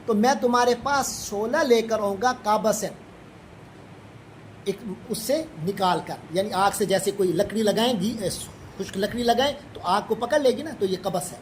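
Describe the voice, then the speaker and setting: A middle-aged man from Pakistan, teaching a Quran commentary lesson. He recites the Arabic verses slowly, then explains them quickly in plain speech. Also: sits high, a little hiss or hum, poor audio.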